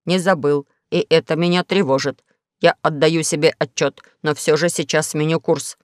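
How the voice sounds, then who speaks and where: A woman voicing a polite, fussy talking spaceship in a lower, measured tone. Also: steady tone, dry recording, clean studio sound, close to an everyday voice. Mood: prim.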